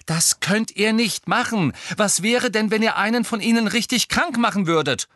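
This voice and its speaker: A man's voice: high-pitched, moderate pace, bright, forceful tone, dry recording, clean studio sound, voice pushed up. A man voicing a bossy, indignant teenage schoolgirl witch who talks sternly and scolds.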